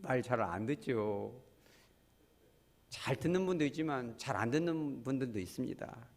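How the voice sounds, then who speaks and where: A man preaching a sermon as pastor, animated, acting out quotes and often speaking to the congregation. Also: mid-range voice, normal speed.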